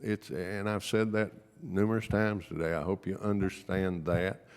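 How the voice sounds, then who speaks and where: Low-pitched man, firm and emphatic. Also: steady tone, normal speed, darkish tone, clean tone. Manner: firm, emphatic, repeats points, legalistic. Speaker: county official, attorney for the court. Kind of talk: formal remarks at a public meeting. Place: large public meeting room. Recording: echoey meeting hall.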